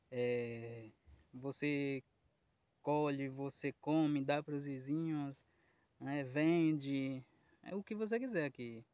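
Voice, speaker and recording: Outdoors in a rural yard and fields, a man in his thirties vlogs casually on a lapel mic, chatting and rambling straight to his viewers. His voice is a little high and a little mellow.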